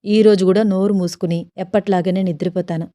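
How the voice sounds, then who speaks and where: A woman's voice: medium pitch, steady tone, fairly quick, dark tone, no room sound, clean studio sound, close to an everyday voice. A woman playing a teasing young husband.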